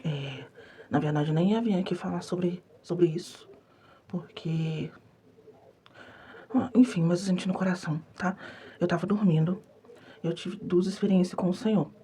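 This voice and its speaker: A woman's voice: fairly low pitch, normal speed, pauses often, mellow, a little hiss or hum. A young Brazilian woman telling an earnest, emotional religious testimony at home at night, half-whispering so as not to wake her family. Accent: Brazilian Portuguese. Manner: earnest, emotional, repeats phrases for emphasis. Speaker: vlogger. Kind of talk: hushed late-night testimony vlog.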